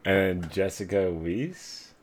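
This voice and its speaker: Deep-voiced teasing male podcast host. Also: slow, crowd noise. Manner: dry, teasing. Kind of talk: casual chat during a fantasy draft.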